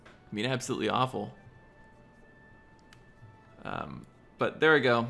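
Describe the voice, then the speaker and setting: Streaming a city-building game, a man hiccups while he lays out roads, muttering to himself and chatting casually with his viewers. His mid-range voice swings widely in pitch, runs a little slow, and sounds pushed and bright with vocal fry, over soft background music.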